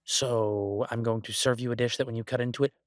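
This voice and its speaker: This roleplay audio features a man as an exasperated but affectionate human boyfriend who cooks at a restaurant for supernatural guests, ranting incredulously and conversationally to his partner with emphatic repeated words. His medium-pitched, everyday voice is brisk with fairly even intonation. The recording is dry, with clean studio sound.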